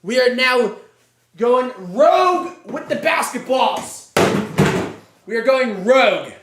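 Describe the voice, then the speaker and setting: A man's voice: extremely high pitch, lively intonation, slow pace, very noisy. A man hosting a livestream, repeating catchphrases in a mock sportscaster hype. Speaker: livestream host. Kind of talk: hyped live tier-list commentary. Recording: echoey room.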